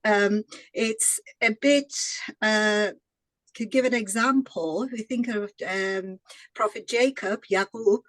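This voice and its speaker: A woman's voice: mid-range voice, no room sound, rough recording. Thoughtful woman commenting, dry sound. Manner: measured, thoughtful, with fillers. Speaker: audience member commenting. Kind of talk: reflective comment in online Q&A.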